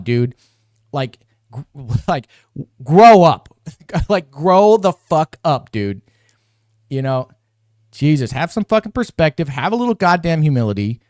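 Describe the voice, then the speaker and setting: A podcast host in his forties runs a solo live stream, rambling and restarting until he builds into a profane, exasperated rant. His voice is on the high side, recorded dry with clean studio sound.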